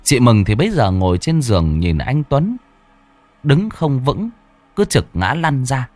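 A man's voice: medium pitch, very animated, unhurried, darkish tone, dry recording. A man narrating a ghost story in a dramatic storytelling delivery.

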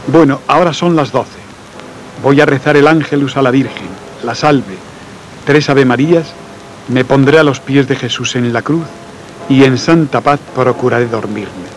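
Soft-spoken man reading devotional letters. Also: medium pitch, normal speed, a little hiss or hum, low-quality recording. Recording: faint music and rain behind.

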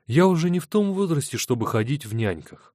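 A man voicing a weary, mocking woman, the sharp-tongued older sister in an audiobook. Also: a little high, very animated, a little fast, dry recording, voice pushed up. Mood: sardonic. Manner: dry, mocking.

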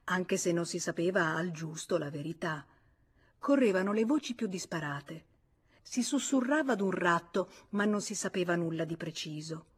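A woman reading a novel aloud as an audiobook reader, with measured and expressive narration. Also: lowish voice, slightly rough. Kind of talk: scripted literary narration.

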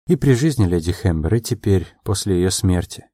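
A man voicing a proud, quick-tempered young woman in an audiobook, her lines pitched a little above his own and delivered in quick, emotional replies. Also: expressive, warm tone, no echo, studio quality. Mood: anxious, hopeful.

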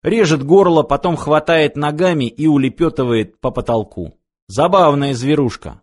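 A man's voice: a little high, normal speed, natural voice. A man reading a dry, wry sniper. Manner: level, matter-of-fact, wry. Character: calm, dry-humored male sniper.

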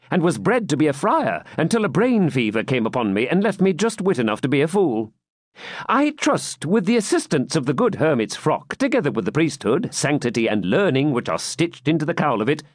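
A man voicing Wamba, a witty male jester, raising his voice high and sprightly. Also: no room sound, clean studio sound. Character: witty male court jester, quick and mocking.

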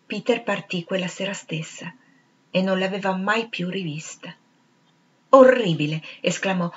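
Female audiobook narrator, measured and expressive, mid-range voice, slightly dull recording. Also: medium pitch. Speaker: audiobook reader.

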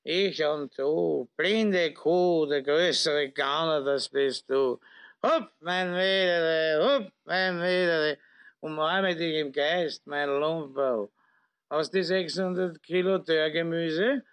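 A man's voice: a little high, slow, a bit bright, clear, resonant tone. A man playing a drunken, boastful, corrupt Austrian lieutenant colonel, slurring and repeating himself like a town drunk in a satirical reading. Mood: drunken babbling. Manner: slurred, rambling town-drunk babble, repeating and breaking off words.

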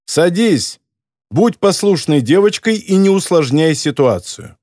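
A man's voice: on the high side, lively intonation, a little slow, a little mellow, no room sound, clean studio sound, pitched above the performer's own voice. A male narrator voicing a cruel, gloating short villain who taunts his captives. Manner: taunting, snorting.

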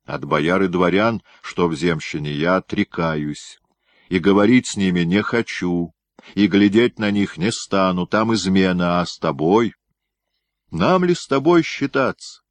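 A brooding young guardsman of old Russia, read by a male audiobook narrator. He speaks in earnest, folksy old-fashioned phrases, torn between duty and love. The voice sits low and close, with a dry, dead sound. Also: a little slow, no echo. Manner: old-fashioned folksy speech, tender and troubled. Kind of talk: audiobook character reading.

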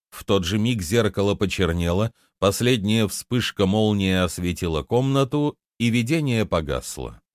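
A man narrating a fantasy audiobook in an even storytelling manner. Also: lowish voice, no room sound, clean studio sound.

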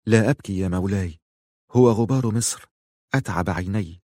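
A man's voice: fairly low pitch, a little fast, mellow, no echo, studio quality, lightly acted. A man doing a subdued young Mamluk servant. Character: young male Mamluk servant, obedient and hurt.

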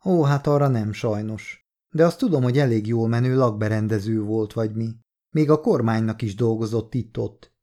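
Here the audiobook reader is a man with a fairly low, warm natural voice, playing a chatty mother of advanced years who gossips and rambles freely. Her boastful tone gives way to caution.

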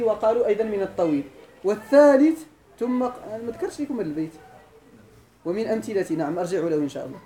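A woman with a Moroccan accent teaching a classical grammar lesson, reciting verses slowly and then explaining them and quizzing her students. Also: medium pitch, mellow. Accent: Moroccan Arabic. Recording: roomy echo with faint ambience.

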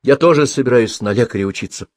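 A man's voice: mid-range voice, fast, no room sound, voice pushed up, close to an everyday voice. An eager, polite village boy talks earnestly in a somewhat raised voice, with a man reading him aloud. The audiobook sound is dry and close.

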